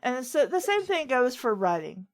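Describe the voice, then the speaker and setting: Big pitch swings mark this woman's high voice, delivered at a moderate pace. She hosts a writing advice talk in a chatty, rambling manner, often acting out others' remarks.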